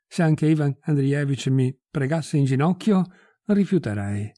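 A man's voice: fairly high pitch, animated, a little slow, mellow, dry recording, clean studio sound. A man voicing a restless, defiant young widow.

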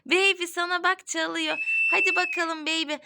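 A woman's voice: very high-pitched, flat delivery, moderate pace, vocal fry, very noisy. A woman, a mother, narrating doll play for children in a chatty, sing-song way and talking to the viewers. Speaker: mother hosting a kids' toy channel.

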